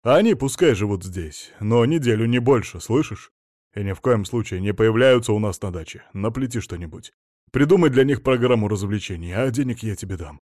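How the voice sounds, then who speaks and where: A man's voice: on the low side, lively intonation, fairly quick, darkish tone, no room sound, studio quality. A man reading an audiobook, voicing a henpecked rich husband who pleads with his wife. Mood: emphatic. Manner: pleading, emphatic.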